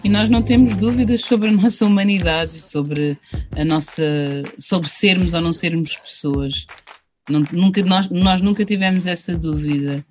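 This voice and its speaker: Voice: mid-range voice, moderate pace, a little hiss or hum. An actress speaks emphatically in a news interview, sometimes searching for words.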